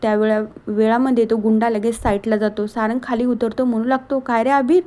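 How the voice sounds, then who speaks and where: A woman's voice: a little high, little pitch movement, brisk, warm tone. A woman narrating a casual recap of a TV serial episode, retelling the plot step by step in a chatty way. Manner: chatty, retells plot line by line with frequent connectives.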